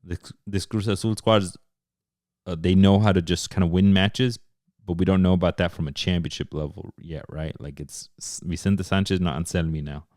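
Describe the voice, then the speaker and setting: A man's voice: low-pitched, steady tone, normal speed, darkish tone, dry recording, studio quality. A man co-hosting a soccer podcast, chatting casually and switching between English and Spanish. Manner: laid-back, mixes English and Spanish. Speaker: podcast co-host. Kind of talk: casual sports chat.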